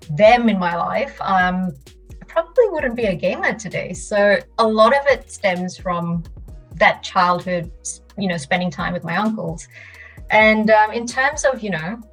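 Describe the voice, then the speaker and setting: A young woman from Malaysia tells her stories in a lively, easy way and often laughs. She sounds a little distant from the mic. Soft music plays underneath. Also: mid-range voice. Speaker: podcast guest. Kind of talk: casual storytelling interview.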